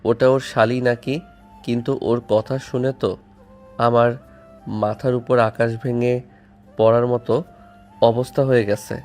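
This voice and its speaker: A man playing a flat-voiced young friend. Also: medium pitch, a little slow, long pauses, soft background music, lightly acted. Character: young man, husband's playful friend, polite. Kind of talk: Bengali audio love-story drama.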